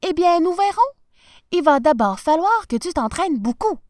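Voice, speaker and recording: A woman voicing a lively, practical wife in a storybook reading, bright and encouraging. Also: high-pitched, moderate pace, no room sound, studio quality, pitched above the performer's own voice. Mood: enthusiastic.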